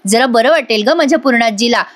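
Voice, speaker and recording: A woman voicing a young husband gently coaxing his grandmother. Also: on the high side, a little fast, close to an everyday voice. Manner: coaxing, playful.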